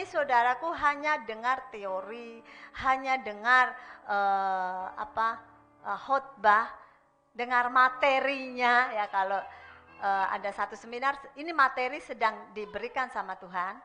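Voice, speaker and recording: Woman preaching a sermon, bright voice kinda highish, talks right at the congregation, soft music behind. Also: measured pace. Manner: preaches with strong swings between emphatic and hushed delivery; constantly addresses the congregation directly.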